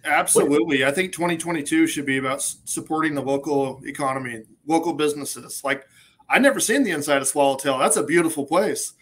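A man's voice: on the high side, fast talker. A man in his forties, a business consultant, speaking as a guest on a video call in an upbeat, matter-of-fact way. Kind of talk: casual interview chat. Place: indoor office. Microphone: video call webcam.

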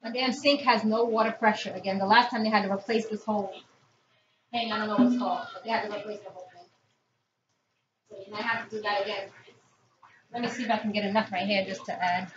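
In a home kitchen vlog, a thirtysomething woman casually chats viewers through each cooking step as she works. Her mid-range voice is steady and quick, with frequent pauses. The arm's-length built-in camera or phone mic yields dull lo-fi audio, loud noise and clicking.

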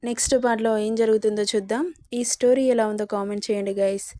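A woman's voice: on the high side, steady tone, fast, dark tone. A woman reading a romance story aloud, narrating and voicing every part in her own plain voice.

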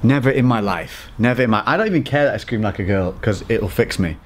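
A man's voice: lowish voice, lively intonation, quick pace. A young man chatting casually in a blunt, heavily sweary way, like a fitness vlogger. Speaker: vlogger doing fitness training. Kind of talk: casual chat. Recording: noisy, with gym ambience.

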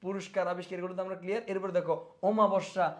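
Fast, high-voiced tutor. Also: male voice. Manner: lively, addresses students as friends, repeats words for drilling. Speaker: exam prep tutor. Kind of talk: spelling lesson for exam students.

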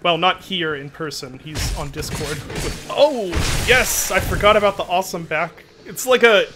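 A man's voice: high-pitched, animated, normal speed, music in the background. A young man streaming a game, chatting casually, laughing often and muttering to himself as he plays. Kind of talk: casual gaming stream chat. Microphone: desk microphone.

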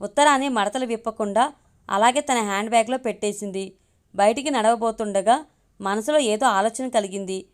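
A woman reads a romance story aloud for an audio series. Her voice is smooth and clean, sitting somewhat high, and she keeps an even, unhurried storytelling pace through the narration and the quoted lines alike.

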